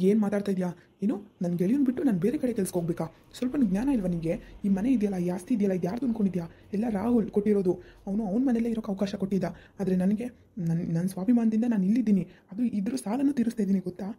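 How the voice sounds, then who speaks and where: A woman's voice: medium pitch, warm tone, husky, natural voice. A woman playing a man in an amateur village drama: a loyal friend and stern husband who scolds his wife and pleads with her. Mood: scolding. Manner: scolding, pleading, fast and insistent.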